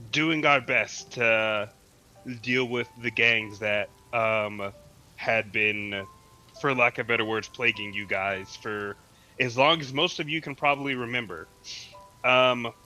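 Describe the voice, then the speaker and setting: A man voicing a newly crowned dark lord who addresses the townsfolk in halting, formal speech full of ums. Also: mid-range voice, rough recording.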